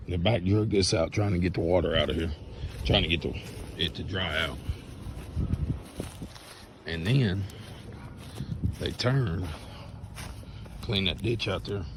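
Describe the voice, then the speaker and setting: Hoarse man, low voice, folksy rambling vlog on his land, wind and outdoor noise behind. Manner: plain-spoken, rambling, folksy. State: sore throat, lost voice. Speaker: vlogger showing his land. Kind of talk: casual walk-around vlog. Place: outdoors on rural property.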